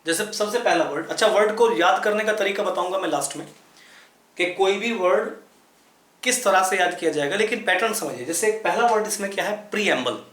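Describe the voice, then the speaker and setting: A man explains English vocabulary in Hindi in a repetitive, classroom manner. His voice sits high for a man. The room adds a noticeable echo. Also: fairly quick, fairly bright tone. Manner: repetitive, explanatory, spells words letter by letter. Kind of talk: explaining lesson in Hindi at a chart.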